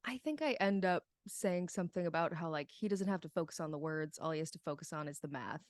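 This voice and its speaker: Woman player, hesitant, lowish, dry sound. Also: quick pace, no echo. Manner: hesitant, soft-spoken. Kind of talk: tabletop game play.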